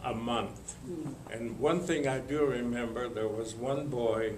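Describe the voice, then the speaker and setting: An older man from Lithuania, telling his life story to an audience in a slow, halting way with many pauses and fillers. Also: medium pitch, darkish tone, roomy sound, slight background noise. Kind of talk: spoken testimony to an audience.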